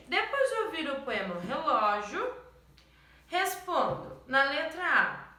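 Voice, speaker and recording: A woman teacher slowly going over exercises in a recorded lesson, stopping often to check that the students follow. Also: sits high, pushed and bright, echoey room.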